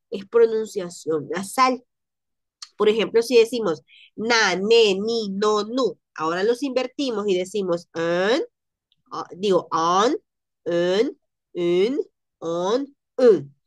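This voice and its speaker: A woman's voice: a little high, no room sound. Lady french teacher on a video call, repeats sounds over and over, dry close sound. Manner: drills pronunciation by repeating sounds. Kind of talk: online language class.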